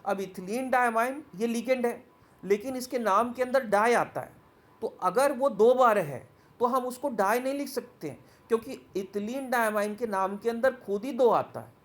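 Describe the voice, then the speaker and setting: A man teaching a chemistry lesson, reading English points from slides and then explaining them in Hindi, often asking the class quick questions. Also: very high-pitched.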